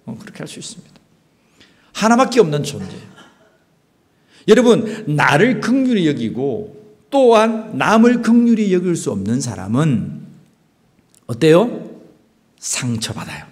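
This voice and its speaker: A man's voice: fairly high pitch, huge pitch swings, moderate pace. A male pastor with a Gyeongsang Korean accent, delivering a sermon and asking the congregation rhetorical questions.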